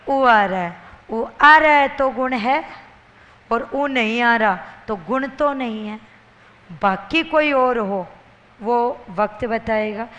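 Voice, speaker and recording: A woman's voice: on the high side, a bit bright. A woman teacher giving an exam-prep grammar lecture. She asks questions and answers them herself, and drawls words out syllable by syllable. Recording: long reverberant room echo.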